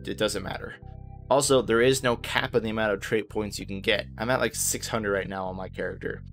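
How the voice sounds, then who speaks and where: A man with a fairly low voice gives a casual voice-over guide to a video game. He speaks in an easygoing, reassuring and informal way. Guitar music plays clearly behind him. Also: fairly bright tone. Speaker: gaming video host.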